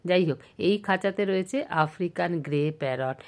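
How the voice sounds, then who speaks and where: A woman's voice: on the low side, a little fast. A woman vlogging as she walks around a zoo, talking chattily to a handheld camera. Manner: chatty, excitable pointing-out. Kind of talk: casual walking vlog narration. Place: outdoors at a zoo.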